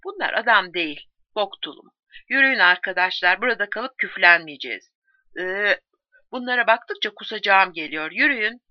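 A woman voicing a scornful, bossy bearded soldier who shouts at the others in an audiobook. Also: medium pitch, very animated, unhurried, few pauses, dry recording, lo-fi sound. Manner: shouting, contemptuous.

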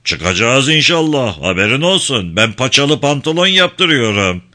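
A man reading a novel aloud, voicing a coarse older man who teases loudly. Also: medium pitch, very animated, normal speed. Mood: teasing. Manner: boisterous and teasing.

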